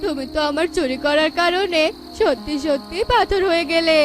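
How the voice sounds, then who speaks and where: A woman's voice: very high voice, normal speed. A woman voicing a repentant male crow in a cartoon, wailing and begging for forgiveness. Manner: wailing, pleading. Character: remorseful male crow, a former thief.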